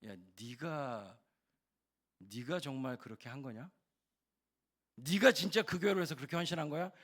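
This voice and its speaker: A man's voice: fairly high pitch, moderate pace, a bit bright. A man preaching, voicing the Lord as He questions and rebukes a proud servant. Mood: rebuking.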